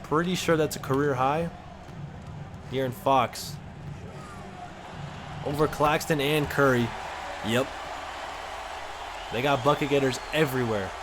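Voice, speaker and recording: A man giving casual, excited play-by-play commentary over a basketball video game, with slang in his talk. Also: medium pitch, unhurried, pauses often, background noise. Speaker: gaming content creator.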